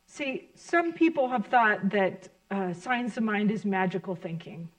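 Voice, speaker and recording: A woman minister giving a sermon to her congregation in an earnest, reflective, gently encouraging way. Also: medium pitch, animated, unhurried, low-quality recording.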